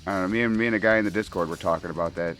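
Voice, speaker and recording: A lower-pitched man talks loosely while he plays, his thoughts wandering and laced with swearing and frequent laughter. He speaks into a desk microphone at home. Faint game music runs quietly under his voice. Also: racing. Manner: rambling, profane, laughs often. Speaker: gaming commentator. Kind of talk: casual rambling commentary while playing.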